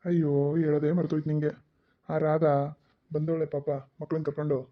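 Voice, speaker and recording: A man's voice: on the high side, completely flat delivery, fairly quick, muffled recording, close to an everyday voice. A man voicing a joking, henpecked village father in a cartoon, whining and pleading with his wife. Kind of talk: cartoon voice acting.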